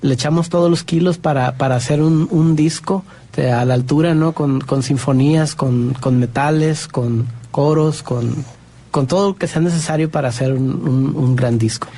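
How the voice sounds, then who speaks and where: A man with a Mexican Spanish accent, a music producer guest, talking in a hesitant, halting way with many restarts. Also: fairly high pitch, mellow. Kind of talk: interview answers.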